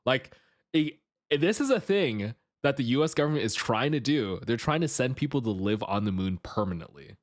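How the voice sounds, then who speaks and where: A man hosting a livestream with casual chat and commentary, jumping from excitable exclamations to low asides. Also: moderate pace, no echo, studio quality. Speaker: livestreamer and host.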